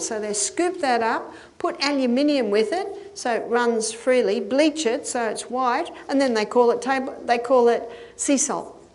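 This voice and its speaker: With a fairly high, a little mellow voice, an older woman lectures on health, explaining each step, checking in with her audience, and laughing occasionally.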